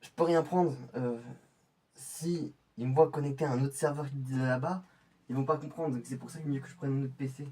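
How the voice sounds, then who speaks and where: Thinking aloud as an undercover infiltrator planning his cover, a man delivers a pensive, muttered scripted monologue. His voice is natural, mellow and slightly rough at a medium pitch, steady in tone and a little fast, and it was recorded from a distance.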